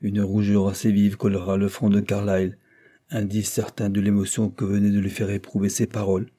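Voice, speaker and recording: A man reading a classic novel aloud as an audiobook narrator in a measured storytelling manner. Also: on the low side, monotone, warm tone. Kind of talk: scripted narration.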